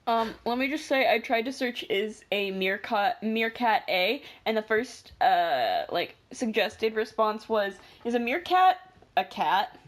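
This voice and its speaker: A teenage girl talks casually on a podcast, her fairly high voice swooping widely. She rambles, trips over her own sentences and keeps tossing in jokes. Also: very animated, unhurried. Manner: rambling, self-correcting, jokey. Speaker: podcast co-host. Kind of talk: casual chat.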